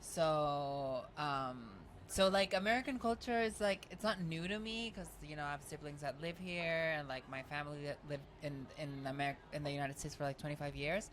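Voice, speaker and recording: A woman's voice: low voice, moderate pace, few pauses, a little hiss or hum. A woman from Chile, telling stories casually and expressively as an interview guest, often laughing. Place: film festival event.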